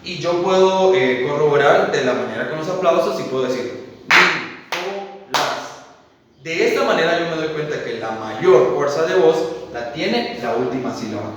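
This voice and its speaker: A man's voice: on the high side, heavy reverb, big-room sound, distant mic, slight background noise, poor audio. A man teaching a primary school grammar lesson, explaining step by step with fillers and checking questions. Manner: explanatory, uses many fillers and asks "¿verdad?". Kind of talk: classroom lesson on Spanish accent rules.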